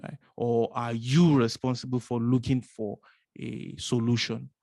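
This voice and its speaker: A man's voice: medium pitch, flat delivery, measured pace, darkish tone, no echo, clean studio sound. A man teaching a business analysis course, explaining step by step, asking rhetorical questions and often adding "right?". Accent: non-American English.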